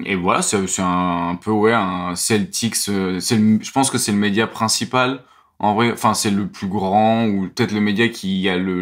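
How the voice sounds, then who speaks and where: A man speaking as a podcast guest in casual chat, with halting phrasing and repeated starts. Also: on the low side, a bit bright. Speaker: podcast guest, basketball commentator.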